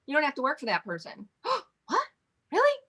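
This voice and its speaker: A high-pitched woman's voice swings hugely in pitch at a moderate pace, bright and forceful. The speaker, a Michigan modeling agency owner in her forties, is a casual interview guest who talks in a rambling, chatty way with frequent laughter.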